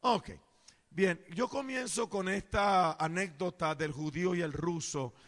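A preacher man from the Caribbean giving a lively sermon, loud and playful, joking with the congregation in a church. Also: high voice, a little slow, big-room sound.

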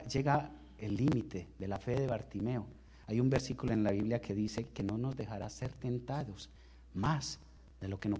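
A man preaching a sermon, impassioned, swinging between loud outbursts and hushed lines, often repeating words and restarting phrases. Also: on the low side, husky. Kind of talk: sermon storytelling.

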